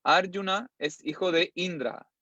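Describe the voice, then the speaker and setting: A man teaching a class, an animated storyteller who acts out scenes as he goes. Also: high voice, measured pace, no echo. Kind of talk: lively storytelling lesson. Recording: slightly dull lo-fi sound.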